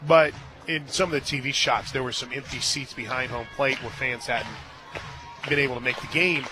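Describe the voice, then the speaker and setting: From a stadium radio booth, an American man calls a live game play-by-play, mixing emphatic delivery with chatty, folksy asides. He speaks at medium pitch and normal speed, over music.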